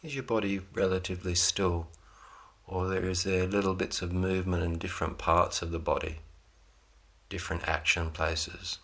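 A man with a deep voice guides a relaxation meditation. His delivery is even and low, with little melodic movement. He offers soothing instructions in short, unhurried phrases, leaving room between them.

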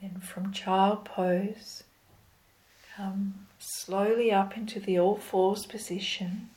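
A woman leading a yoga class as instructor, giving calm, gentle, step-by-step cues in an unhurried way. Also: mid-range voice, poor audio. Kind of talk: slow guided yoga instruction.

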